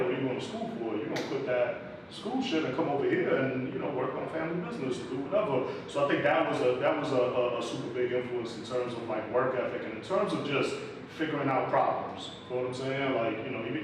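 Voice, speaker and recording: This medium-pitched man is a slangy Bronx native whose first language is Spanish, appearing as an entrepreneur guest for some casual interview talk. He's loose and rambling, full of fillers and street slang. The audio is noisy and echoey, with him sitting far from the mic.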